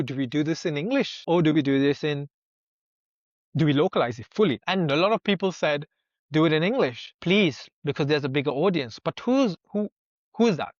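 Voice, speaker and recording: In this dry, dull lo-fi recording, a fairly high-voiced young man from Sri Lanka, a native Sinhala speaker, talks as an interview guest. His manner is earnest and reflective, and he poses rhetorical questions as he thinks aloud in the conversational exchange.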